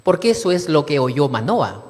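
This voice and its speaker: A man's voice: fairly high pitch, big pitch swings, normal speed. A man preaching a sermon, reading scripture aloud and calling the congregation brothers. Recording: long reverb of a hall.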